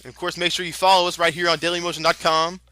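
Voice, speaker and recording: A man's voice: fairly high pitch, level tone, racing, sharp tone, no echo. A man working as a lucha libre announcer, calling wrestling moves and slipping in promotional plugs in a chatty, informal, exclamatory way.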